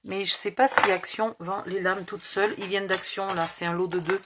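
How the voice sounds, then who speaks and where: Amid a lot of noise, a woman with a mid-range, steady voice and a slight Provençal accent speaks a little fast. In her casual crafting tutorial she mutters measurements aloud as she works them out and keeps self-correcting.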